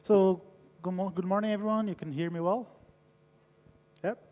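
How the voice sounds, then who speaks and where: A high-voiced Brazilian man speaks at normal speed in a steady, somewhat mellow tone, with the highs cut off. Giving an engaging talk in a large conference hall, he polls the audience and tells a story, and long hall reverb marks the recording.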